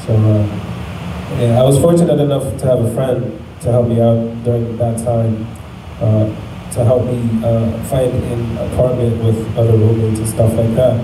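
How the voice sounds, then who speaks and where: A young man sharing a personal faith testimony, talking in a halting, reflective way with many fillers. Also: mid-range voice, steady tone. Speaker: testimony speaker. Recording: echoey room, mic at a distance, faint background noise.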